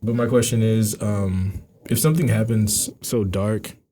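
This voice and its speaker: A man's voice: on the low side, measured pace. A man co-hosting a podcast, chatting casually while leading questions on a ghost hunt inside a house. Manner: relaxed, chatty, leads the questions. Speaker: podcast co-host.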